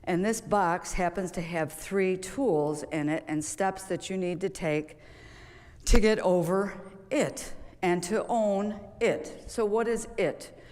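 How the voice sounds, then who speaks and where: A woman's voice: lowish voice, takes it slowly, darkish tone. A woman, a golf coach, giving a motivational stage talk in a conversational, storytelling way, with frequent rhetorical questions. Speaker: public speaker and golf coach. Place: stage in a large auditorium. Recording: long reverb of a large hall.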